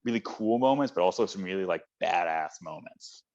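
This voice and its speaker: A man's voice: sits low, animated, a little fast, darkish tone. Eager man chatting films, lo-fi. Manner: enthusiastic, rambling with fillers. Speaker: podcast co-host. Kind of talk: casual chat about films. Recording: dull lo-fi audio.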